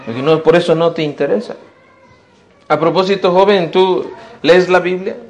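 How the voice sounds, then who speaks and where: Pastor, male, fairly high voice, emphatic sermon delivery with repeated rhetorical questions. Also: fairly even intonation, moderate pace. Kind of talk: sermon to youth. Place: church.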